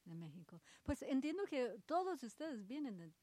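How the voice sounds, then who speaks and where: A woman's voice: a little high, very animated, moderate pace, mellow, no echo. A woman hosting a community radio interview, asking questions and laughing between them. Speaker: radio host.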